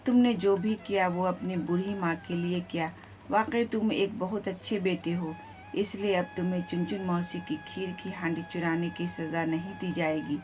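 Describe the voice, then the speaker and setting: A woman's voice: on the low side, fairly even intonation, normal speed, darkish tone, faint music behind, lightly acted. A woman doing a stern village headman. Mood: kindly. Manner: commanding, firm. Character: stern male village headman, fair-minded.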